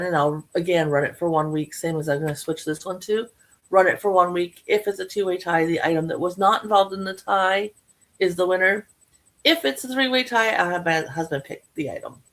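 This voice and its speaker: A middle-aged woman talking casually to her viewers about her crochet projects, rambling and correcting herself as she goes. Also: fairly low pitch. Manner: rambling, chatty, self-correcting. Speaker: crochet vlogger.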